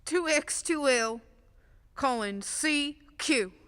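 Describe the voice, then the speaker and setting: A woman plays a worried ham radio operator in a stage radio play, sending out a ham radio call and repeating call signs slowly. Her voice is high and bright. She sounds distant, in a hall with long reverb. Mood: anxious calling. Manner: slow, insistent repeated calling.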